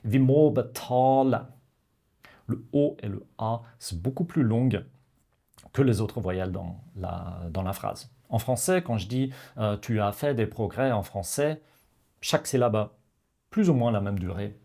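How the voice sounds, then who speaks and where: A man teaching pronunciation to learners, talking slowly with many pauses and hesitant fillers. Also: fairly low pitch, lively intonation, creaky, mellow, breathy edge. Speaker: language teacher.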